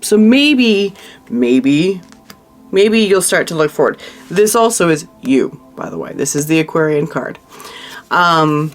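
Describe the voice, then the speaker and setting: A tarot reader speaks straight to the viewer at a middle pitch, working through the spread aloud. The delivery is heartfelt and consoling, full of restarts and trailing phrases, with faint music underneath. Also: expressive, takes it slowly. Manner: thinks aloud while turning cards, emotional and consoling. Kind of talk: monthly tarot reading, talking to the viewer.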